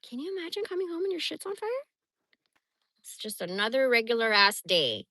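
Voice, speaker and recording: A woman's voice: on the high side, very animated, fairly quick, sharp tone, no room sound. A woman from the Bay Area telling rambling personal stories on a casual livestream, blunt and profane. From San Francisco Bay Area. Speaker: livestream host.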